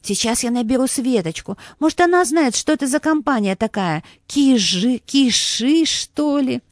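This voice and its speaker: Brief: anxious elderly widow in an audio story, fussy and gentle, read by a woman, higher voice, dry close sound. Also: lively intonation, dry recording. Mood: anxious, hopeful. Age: older. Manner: fussy, tender, hurried.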